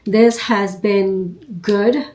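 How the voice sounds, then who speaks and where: Congested and nasal as she recovers from a cold, this beauty vlogger in her fifties talks casually to her viewers about her routine. Her medium-pitched voice has a darkish tone and fairly even intonation, and she chats without hurry, often saying um and you know.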